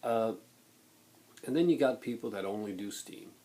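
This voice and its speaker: A man in a blunt, exasperated rant to viewers, halting and then bursting into emphasis. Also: lowish voice, mellow. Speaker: video blogger. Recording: noticeable background noise.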